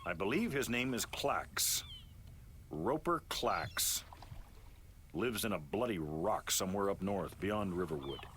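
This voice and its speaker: An actor playing a gruff, sarcastic merchant sailor in a video game, speaking dryly. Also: male voice, low voice, lively intonation, slow pace, fairly bright tone, slight background noise, full character voice. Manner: dry, heavily sarcastic.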